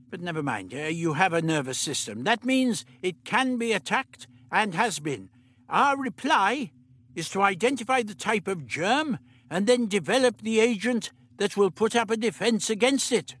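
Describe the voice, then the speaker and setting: In a heavily acted audiobook performance, a man plays a flustered, forgetful old doctor whose raised, lively voice swings wildly in pitch. The doctor stammers, fusses and hurries everyone along in an old-fashioned way.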